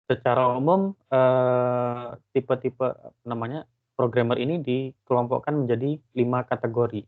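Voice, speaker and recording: A man's voice: medium pitch, steady tone, moderate pace. A male university lecturer giving a casual online lesson, explaining at length with frequent fillers. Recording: tinny phone-like line.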